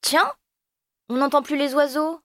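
A woman's voice: sits high, fairly even intonation, a little slow, dry recording, clean studio sound, voice pushed up. A woman voicing an eager, brave little boy.

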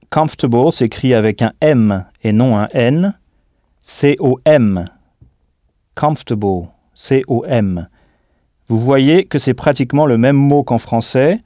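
A man leads a scripted audio language lesson in a dry studio sound with no room around him. His voice sits at an ordinary mid pitch. He talks slowly and deliberately and spells words out letter by letter. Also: warm tone, no echo. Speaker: language teacher.

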